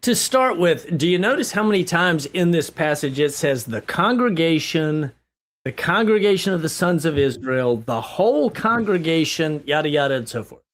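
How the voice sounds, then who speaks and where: A man with a somewhat high voice leads a lively Bible study over a livestream. He talks in bursts of exclamation and fires off rhetorical questions, often tagging them with "right?". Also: normal speed. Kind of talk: animated Bible study discussion.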